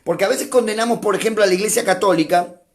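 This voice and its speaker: Man, pastor, high-pitched voice, conversational sermon, slow stressed scripture reading. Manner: conversational preaching, acts out doubting churchgoers; reads scripture slowly and stresses key words. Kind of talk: sermon streamed live online.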